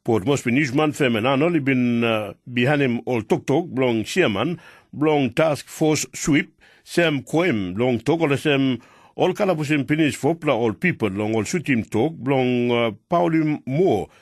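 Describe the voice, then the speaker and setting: A man reads the news in Papua New Guinea pidgin with a Papua New Guinean accent. His mid-pitched voice follows a script, in a dry, close studio sound. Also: measured pace, no echo. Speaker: radio news reader.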